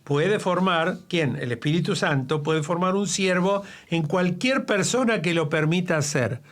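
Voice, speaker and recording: A man's voice: high-pitched, animated, unhurried. A man leading a church Bible study conversation, speaking emphatically and quoting scripture at length.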